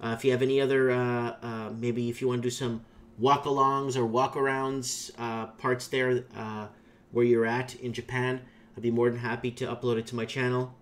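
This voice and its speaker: A YouTube channel host whose first language is Portuguese speaks at a medium pitch and normal speed, his delivery flat. He rambles through opinionated commentary on viewer comments, full of fillers and restarts.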